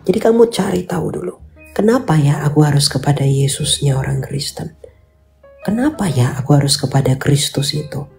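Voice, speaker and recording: A woman's voice: low-pitched, warm tone. A woman giving casual faith counseling, earnest and coaxing, repeating her points and mixing in English phrases.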